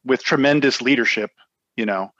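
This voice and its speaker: A man's voice: mid-range voice, moderate pace, fairly bright tone, no echo, lo-fi sound. A middle-aged man with an American accent chatting casually as an interview guest, rambling and peppering his talk with filler phrases. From United States. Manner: rambling, frequent "you know". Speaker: interview guest, music industry lawyer. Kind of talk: casual reminiscing conversation.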